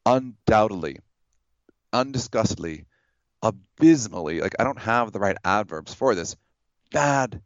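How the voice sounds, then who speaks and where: Low-voiced man calmly arguing theology. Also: dry recording, highs cut off. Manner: measured, explanatory, uses hypotheticals. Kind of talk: debate.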